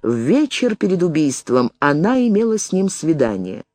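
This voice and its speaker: A woman voicing a cold, sardonic middle-aged male writer who speaks in slow, drawn-out reasoning. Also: low-pitched, very animated, darkish tone, no room sound. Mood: coolly reasoning.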